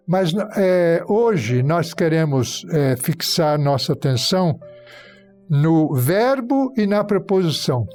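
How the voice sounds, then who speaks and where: Casting note: male grammar teacher, high and mellow voice, methodical, works through example sentences. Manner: teacherly, illustrating points with spoken example sentences. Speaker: Portuguese teacher guest. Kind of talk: explaining grammar on a church talk program.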